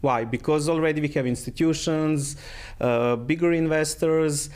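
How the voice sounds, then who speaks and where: A man's voice: on the high side, moderate pace, a little mellow, clear, resonant tone. A middle-aged man from Croatia, a guest in a casual interview, speaking in phrasing and often repeating his words.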